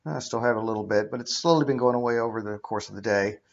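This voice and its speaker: A middle-aged man giving a casual, explanatory account as a patient, speaking in a halting, matter-of-fact way into a webcam indoors. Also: fairly low pitch. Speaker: patient recounting his own surgery. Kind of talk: casual explanatory vlog monologue. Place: indoors, living room with high ceiling. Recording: dull lo-fi webcam audio.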